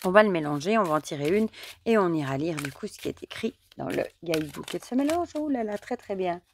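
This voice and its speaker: A woman's voice: on the low side, animated, fast talker, slight background noise. A woman casually reviewing an oracle card deck for her channel, chatty and enthusiastic, with lots of fillers, reading the guidebook aloud at times. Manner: chatty, enthusiastic, many fillers like euh and du coup.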